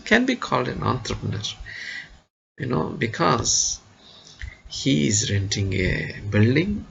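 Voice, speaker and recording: A man with an Indian English accent giving a classroom lecture to engineering students, slow and repetitive, leaning on "you see" and "okay". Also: lowish voice, creaky, lo-fi sound, slight background noise.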